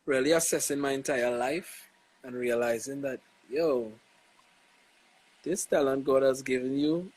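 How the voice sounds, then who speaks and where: A young gospel artist from Trinidad and Tobago, speaking with a Trinidadian accent, gives a casual live-stream interview. He's laid-back and reflective, slangy and full of "you know"s, his mid-range voice slightly rough over poor audio.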